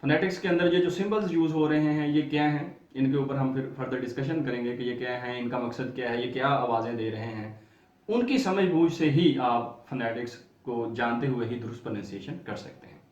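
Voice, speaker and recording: A man gives a recorded lecture on English pronunciation at a middling pitch. He spells words out letter by letter and then draws out the correct form slowly. The sound is dull and roomy, picked up from a distant mic. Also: darkish tone.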